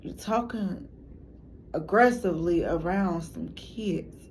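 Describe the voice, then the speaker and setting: A woman's voice: fairly low pitch, slow, a little mellow, a little hiss or hum. Rambling woman with a Chicago accent. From Chicago, United States. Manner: loose, meandering storytelling with frequent restarts. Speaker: documentary maker and narrator. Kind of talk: casual documentary talk.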